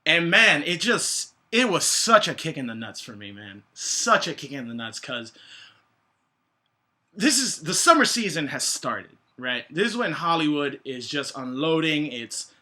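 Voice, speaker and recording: A man's voice: fairly high pitch, very animated, measured pace, bright, forceful tone. A man giving a casual movie review rant, informal and sweary, with emphatic points and trailing asides. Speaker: film reviewer.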